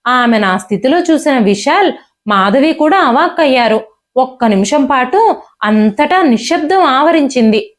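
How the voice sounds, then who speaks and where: A woman telling a dramatic family story in an emotive audiobook reading. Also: high voice. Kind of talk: audiobook narration.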